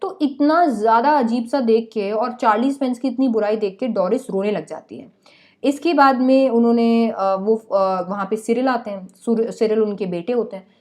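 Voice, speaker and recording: A woman's voice: fairly high pitch, darkish tone. A young woman teacher casually retelling a play to her class, chatty and full of asides. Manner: chatty, mixes in English words, quick asides to students.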